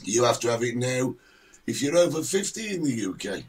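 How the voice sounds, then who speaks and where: A man's voice: medium pitch, very animated, fairly quick, recorded from a distance, background noise. A middle-aged man co-hosting a show with casual, opinionated chat in a colloquial way. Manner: chatty, colloquial, mild British swearing.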